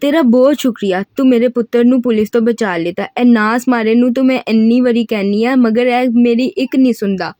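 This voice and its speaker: Woman putting on a rustic Punjabi mother, Punjabi accent, thick scolding voice, high, dry recording. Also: moderate pace, hardly any pauses, dark tone, no room sound, lightly acted. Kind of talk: audiobook reading of a novel.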